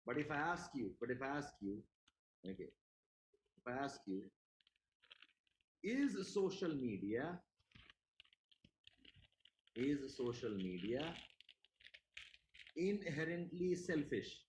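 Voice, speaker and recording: A man's voice: mid-range voice, very animated, slow, pauses often, darkish tone, roomy sound, a little hiss or hum, rough recording. A man with an Indian English accent teaching a class, emphatic, repeating his questions to the students. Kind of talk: classroom lecture.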